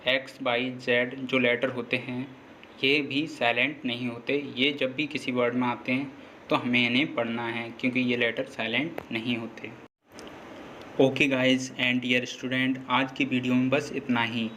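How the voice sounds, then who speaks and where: A man teaching a lesson, slowly and patiently explaining rules and repeating them. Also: mid-range voice, little pitch movement, bright, forceful tone, slight background noise. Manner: slow, repetitive, patient explaining. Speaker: English teacher.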